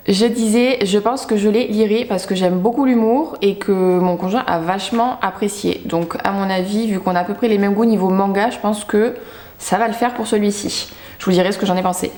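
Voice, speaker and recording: A woman's voice: mid-range voice, a little mellow. A young woman chatting casually about the books she bought, talkative and self-mocking with lots of fillers. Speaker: book vlogger. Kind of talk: casual book haul chat. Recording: echoey room.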